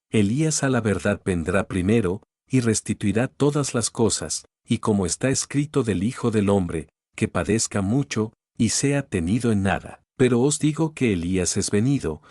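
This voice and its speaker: A man reading scripture aloud in a measured, even recitation. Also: lowish voice, no room sound, clean studio sound. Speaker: Bible reader.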